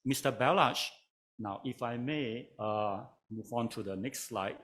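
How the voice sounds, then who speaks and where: A man from Malaysia, giving a measured conference talk as a panel speaker, told like a story with touches of dry humor. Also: medium pitch, fairly bright tone. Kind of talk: conference lecture.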